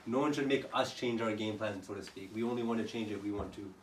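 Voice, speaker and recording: A man's voice: on the low side, fast. A man talking informally through game strategy as one of the team's players. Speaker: team player. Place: echoey indoor room, locker room. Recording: echoey, distant mic, faint noise.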